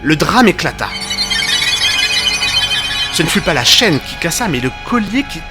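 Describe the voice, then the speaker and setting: A man's voice: a little high, big pitch swings, measured pace. A man playing Doctor Watson, narrating dramatically. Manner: vivid, building tension. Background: music.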